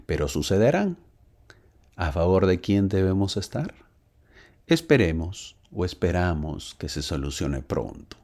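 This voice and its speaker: Low, animated male Bible teacher who quizzes himself out loud. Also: gravelly. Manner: emphatic, asks and answers his own questions. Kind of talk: Bible lesson lecture. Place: living in Texas.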